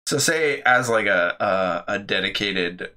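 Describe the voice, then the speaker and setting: A man's voice: lowish voice, expressive, a little slow, sharp tone. A young man co-hosting a casual podcast, laughing often, rambling and asking curious questions. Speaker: podcast co-host.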